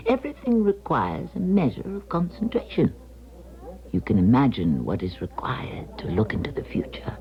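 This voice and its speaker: In a muffled 1970s radio drama broadcast, an older actress plays an elderly Russian émigré woman, a former clairvoyant, earnest and mysterious. Her very deep female voice is sing-song and heavily acted as she delivers a confiding, earnest monologue. She speaks theatrically and deliberately, her phrases ending in hushed breaths.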